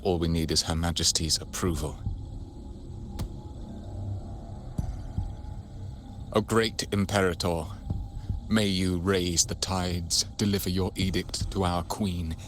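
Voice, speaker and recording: A man's voice: deep voice, a bit bright, a little hiss or hum. A man voicing a sinister, devout male cultist noble in a video game, solemn and menacing. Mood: scheming. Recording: game audio with music behind.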